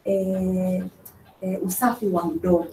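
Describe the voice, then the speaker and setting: A woman's voice: lowish voice, flat delivery, a little slow, warm tone, slight background noise. Woman moderating in a roomy space. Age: 30s. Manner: friendly, prompting with short checks. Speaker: focus group moderator. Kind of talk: leading a group discussion.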